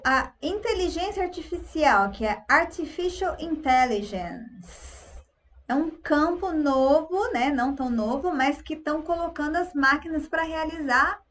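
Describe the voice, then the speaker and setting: A Brazilian woman with a Brazilian Portuguese accent, teaching English pronunciation in an online lesson by repeating words slowly. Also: high-pitched, lively intonation, fairly bright tone.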